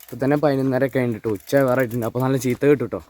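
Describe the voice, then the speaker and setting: A man's voice: mid-range voice, steady tone, rapid-fire, mellow. A young man with a Thrissur Malayalam accent vlogging casually, mixing English words into Malayalam and often addressing his viewers. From Kerala, India. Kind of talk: casual day-in-the-life vlog. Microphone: handheld camera or phone without external mic.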